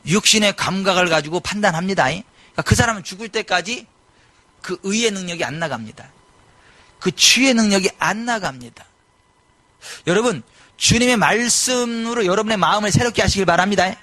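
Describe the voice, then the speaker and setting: A middle-aged male pastor preaching a sermon in a church, animated and given to sudden loud exclamations. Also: high-pitched, fairly quick, no echo. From South Korea. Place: church sanctuary.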